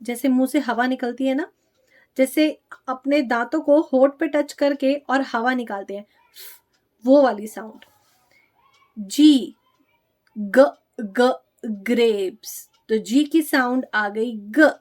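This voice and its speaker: High-voiced woman teaching phonics slowly. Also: a little mellow. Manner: slow, drawn-out demonstration of letter sounds. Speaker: pre-primary teacher. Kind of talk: phonics lesson for parents.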